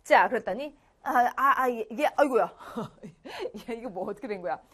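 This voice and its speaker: A woman's voice: a little high, expressive, a little slow, fairly bright tone, breathy edge. A woman teaching English in an online lecture for middle schoolers, playful, acting out dialogue lines.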